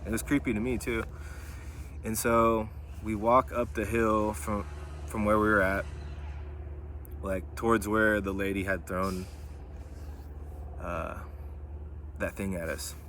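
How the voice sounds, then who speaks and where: Low-voiced man rambling through a testimony. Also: fairly bright tone, a little hiss or hum. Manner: rambling, filler-heavy, keeps asking "right?". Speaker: vlogger. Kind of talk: personal testimony storytelling.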